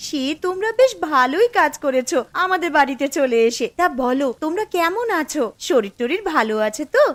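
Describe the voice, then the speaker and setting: In a cartoon, a woman voices a busy young housewife and mother who is practical and a little scolding. Her voice is high-pitched, very animated and fairly quick, recorded with no room sound.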